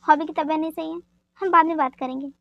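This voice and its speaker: A woman voicing a steady young husband who talks in a calming, reassuring way. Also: high voice, fast talker, creaky, dry recording, dull audio.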